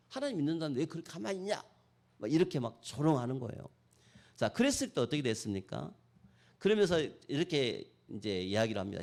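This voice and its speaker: A male pastor delivering a Sunday sermon in a church. His voice has a gravelly texture and a lively, wide-ranging pitch. He alternates between loud exhortation and quiet, acted-out prayers. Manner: preaching with sudden loud and soft swings, acting out prayers. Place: church sanctuary.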